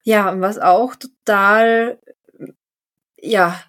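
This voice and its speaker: A woman co-hosting a podcast, talking calmly and reflectively about mindfulness in drawn-out, easy phrases. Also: medium pitch. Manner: calm, reflective, drawn-out phrasing with many "ja" fillers. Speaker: podcast co-host. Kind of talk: casual podcast conversation on mindfulness.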